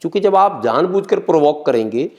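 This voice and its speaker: A man's voice: a little high, lively intonation, fairly quick. A middle-aged man, a guest in an interview, explaining his views earnestly and repeating key phrases. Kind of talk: political interview talk.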